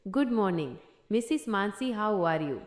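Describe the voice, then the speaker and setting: A fat, pushy neighbour man in a storybook tale, read by a woman, with an eager, ingratiating way of talking. The voice sits at an ordinary middle pitch. The room around it rings with echo. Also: expressive, moderate pace, natural voice. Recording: echoey room.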